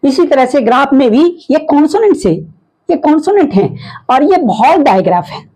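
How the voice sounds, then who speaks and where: A woman teacher explaining phonics in a patient lesson, sounding out letters slowly and asking the class questions. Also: high-pitched, sing-song, warm tone, low-quality recording.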